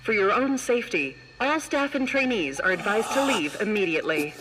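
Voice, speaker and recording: A woman voicing a female automated system announcer, repeating a flat machine alert over a facility loudspeaker. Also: mid-range voice, moderate pace, faint music behind. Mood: warning.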